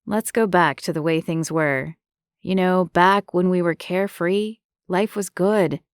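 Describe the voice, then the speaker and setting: Female narrator voicing a charming young man, teasing and easygoing, slightly low, dry booth. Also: a little slow, clean tone, no echo. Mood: tender.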